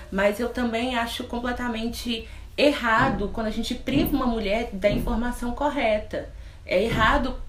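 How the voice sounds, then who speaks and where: A woman's voice: medium pitch, echoey room, noisy background. A Brazilian woman, a nurse hosting the interview, explains her views earnestly and addresses her audience directly. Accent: Brazilian Portuguese. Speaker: nurse and host.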